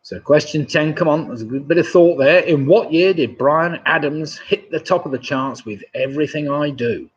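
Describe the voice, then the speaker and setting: At a desk in his home, a quizmaster in his sixties uses a webcam mic to host a live online pub quiz. His rather high, slightly rough voice moves at a moderate pace with hardly any pauses as he chats and chuckles at viewer jokes. The audio sounds dull and lo-fi.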